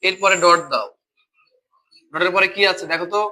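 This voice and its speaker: A man's voice: high-pitched, moderate pace, bright, forceful tone, rough recording. A man with a Bangladeshi Bengali accent and a cold, teaching a logic class online, patient and repetitive, quizzing his students as he works. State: has a cold. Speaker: logic tutor. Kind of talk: live online class explanation.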